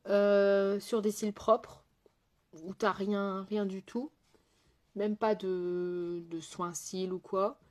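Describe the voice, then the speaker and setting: Extremely slow and flat, with a darkish tone at an ordinary middle pitch, a woman makeup artist hosts a casual live session. She speaks directly to viewers, responds to their comments along the way and keeps trailing off or hesitating, with plenty of fillers.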